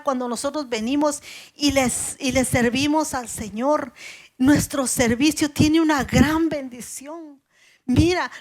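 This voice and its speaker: High-voiced woman preaching a sermon. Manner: earnest, slows down to stress scripture quotes. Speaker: preacher at a women's service.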